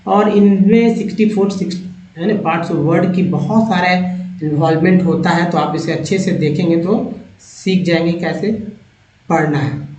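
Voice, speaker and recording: Indian guy teaching english words, high voice, says each word slow and twice, echoey dull room. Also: a little mellow, slight background noise. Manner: repeats each word slowly, spells out letters. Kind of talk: slow word-by-word vocabulary lesson.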